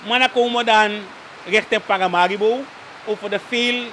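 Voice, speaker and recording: A man with a Surinamese Dutch accent, holding forth as a guest on a live talk show. His voice sits high and sounds bright and forward, and he keeps asking "toch?" as he talks. A faint hiss runs under him. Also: normal speed. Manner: tags nearly every sentence with "toch?", slips into Sranan phrases. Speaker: political commentator guest.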